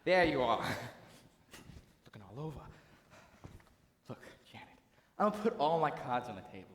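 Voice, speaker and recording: A man's voice: medium pitch, sing-song, moderate pace, natural voice. An actor playing a nervy, fussy best man who frets about his weak heart. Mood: anxious. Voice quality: nervy, exasperated. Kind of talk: stage musical acting. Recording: echoey theatre hall.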